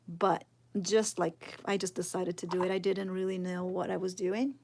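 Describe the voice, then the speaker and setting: Her medium-pitched voice has a darkish tone. A Brazilian woman in her thirties with a Brazilian Portuguese accent, she leads a relaxed live sculpting tutorial, responding to chat, musing slowly aloud and slipping into murmurs as she works.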